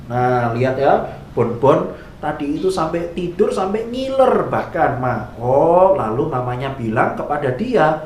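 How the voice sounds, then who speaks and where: A man teaching Sunday school, telling a story slowly and animatedly to children. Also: on the high side, big pitch swings, a little mellow, a little hiss or hum. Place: church room. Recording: echoey room.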